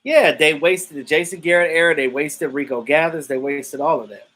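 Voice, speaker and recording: His voice sits on the high side with a fairly bright tone and a moderate pace. He's in his thirties, from a Jamaican family, and hosts a loose football chat on stream, reading comments and swearing openly.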